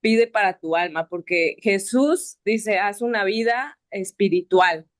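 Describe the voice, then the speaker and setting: A woman's voice: medium pitch, unhurried, dry recording. Woman sharing her testimony at a spiritist group, reflective, keeps asking "right?", dry sound. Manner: reflective, with many filler "no?" tags.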